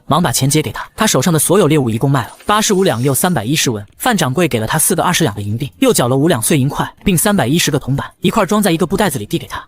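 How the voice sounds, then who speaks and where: A man narrating an animated drama at a quick clip, his voice rising and falling eagerly. He sits a touch high for a man and keeps the story moving briskly. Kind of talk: scripted narration.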